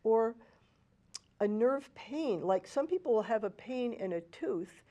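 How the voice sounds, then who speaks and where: A woman's voice: fairly high pitch, expressive, unhurried, dark tone, lo-fi sound. A woman homeopath hosting a conversation, explaining things plainly and backing her points with everyday examples. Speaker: homeopath, host.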